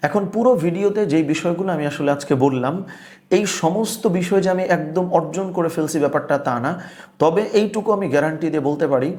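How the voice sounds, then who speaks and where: A man's voice: a little high, a little mellow. A young man from Bangladesh, a business and productivity coach, giving casual, conversational advice to camera and mixing in English words.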